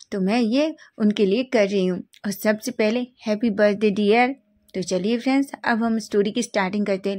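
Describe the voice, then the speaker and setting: A woman's voice: medium pitch, a little mellow. Friendly woman narrating a story. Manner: friendly, addresses listeners as friends. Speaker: storyteller, channel host.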